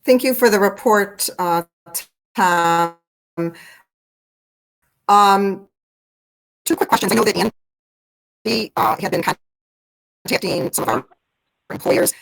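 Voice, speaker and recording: A woman's voice: medium pitch, creaky, low-quality recording. Woman on a choppy, breaking-up call. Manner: halting, asks questions in short bursts. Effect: choppy, breaking-up video call audio with dropouts. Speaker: city council member. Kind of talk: remote meeting question.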